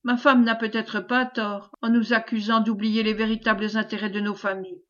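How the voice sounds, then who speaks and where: A woman reading the part of a cautious, calculating older bourgeois husband who speaks in a measured way, on a dull lo-fi recording. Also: fairly high pitch, flat delivery, fairly bright tone, natural voice.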